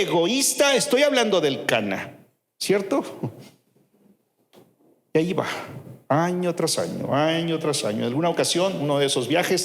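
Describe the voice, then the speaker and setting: Mexican pastor guy preaching, storytelling, lively then hushed, high voice. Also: in a large hall. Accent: Mexican Spanish. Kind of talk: sermon. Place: church.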